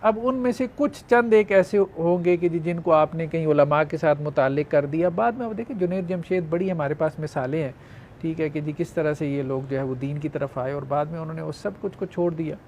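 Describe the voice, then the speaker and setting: A man giving measured, conciliatory views in a panel discussion. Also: a little high, a little mellow, a little hiss or hum. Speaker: discussion participant.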